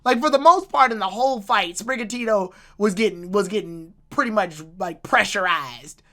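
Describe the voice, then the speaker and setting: A woman giving a casual, excitable recap and review of anime episodes, breaking into laughter and correcting herself as she goes. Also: medium pitch, moderate pace. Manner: excitable, laughs out loud, restarts and self-corrects.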